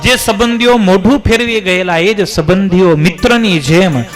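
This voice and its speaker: A man with a high voice tells a devotional story in the manner of a sermon. His delivery climbs and falls dramatically as he narrates. Soft music plays faintly behind him. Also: normal speed. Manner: dramatic rises and drops in pitch. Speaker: religious storyteller.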